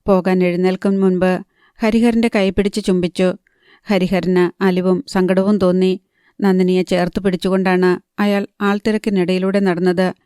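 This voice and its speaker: A woman narrating a novel with an even, measured reading on a close microphone. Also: on the low side, clear, resonant tone, dry recording. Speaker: audiobook narrator.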